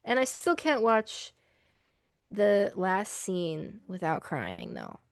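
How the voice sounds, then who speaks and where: A woman's voice: medium pitch, huge pitch swings, takes it slowly, creaky, no echo, studio quality. A woman co-hosting a podcast in casual chat, rambling with many fillers. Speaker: podcast co-host.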